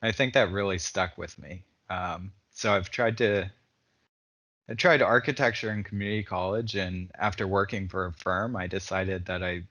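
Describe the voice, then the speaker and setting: A young man, an architecture student, answering panel questions in a relaxed, casual way with fillers. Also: low-pitched.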